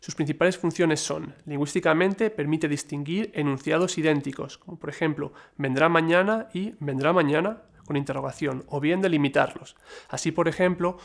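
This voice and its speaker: A man reading a scripted lesson in a measured, explanatory way, with the odd slip and filler. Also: on the high side, creaky. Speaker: lecturer. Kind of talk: scripted educational narration.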